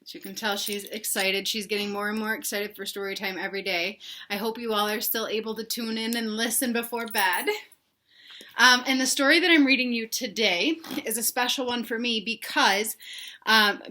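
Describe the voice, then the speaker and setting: Young female teacher, children's read-aloud, encouraging, questioning, crisp bright tone. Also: medium pitch.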